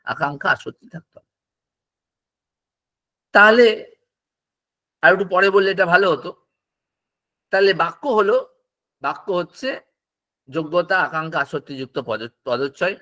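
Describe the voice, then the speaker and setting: A man's voice: high voice, pushed and bright. A man teaching Sanskrit poetics, explaining step by step with examples and often checking that students follow. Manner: explains with examples, asks frequent check questions.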